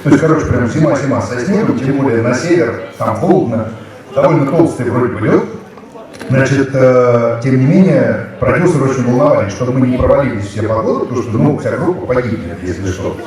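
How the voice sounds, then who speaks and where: A man in his fifties, a visiting actor, tells rambling, filler-heavy anecdotes to students in a large hall, speaking casually. His medium-pitched voice is animated and fairly quick, with crowd noise around him. The hall is echoey and the mic sits at a distance.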